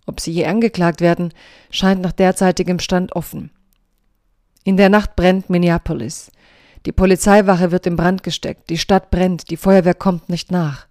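Woman, podcast essayist: slightly low voice, measured and earnest scripted reading, dry close recording. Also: dark tone, no room sound.

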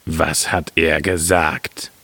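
A man reading a fairy tale aloud, voicing a gruff, gullible miller in a lower, slower voice. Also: flat delivery, pushed and bright, no room sound, full character voice.

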